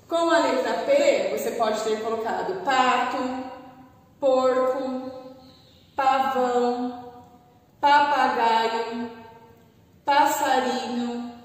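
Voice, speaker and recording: High-pitched Brazilian teacher in echoey room. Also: female voice, far from the mic. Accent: Brazilian Portuguese, strong rolled R. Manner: slow, spells out letters and syllables patiently. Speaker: primary school teacher. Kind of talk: remote class for first graders.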